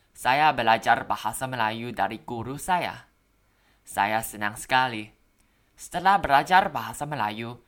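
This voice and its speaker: A woman's voice: very deep voice, a bit bright. A woman with a foreign learner's accent speaking Indonesian as a non-native, carefully delivering a prepared personal podcast monologue. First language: not Indonesian.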